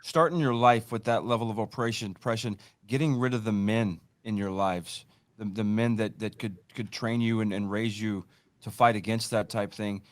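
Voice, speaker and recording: Halting male podcast host. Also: lowish voice, steady tone. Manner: halting, searching for words, many restarts. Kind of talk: casual interview questions.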